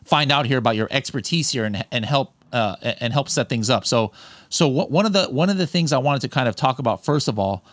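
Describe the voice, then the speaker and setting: A man's voice: mid-range voice, brisk, no room sound. An American man hosting a podcast from his home studio, chatting casually with many restarts. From United States. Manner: relaxed, rambling with many restarts. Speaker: podcast host. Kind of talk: casual interview chat.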